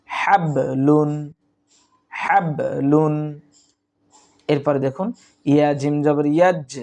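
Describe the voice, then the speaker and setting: A man teaching Quran reading, spelling out letters and repeating each syllable slowly in a calm, instructive way. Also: on the high side. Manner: calm instructive tone, addresses students as dear friends. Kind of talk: slow recitation lesson.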